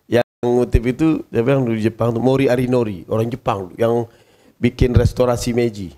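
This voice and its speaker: A man's voice: mid-range voice, normal speed. A middle-aged man, preaching casually and acting out the people in his stories. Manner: lively storytelling, acting out quoted parents and kids. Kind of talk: casual sermon.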